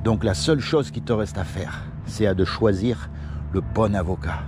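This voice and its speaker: Outdoors on a city street, a street evangelist from Morocco preaches casually to one person at a time. He speaks at normal speed in a lowish voice against background noise, pleading earnestly and leaning on everyday examples.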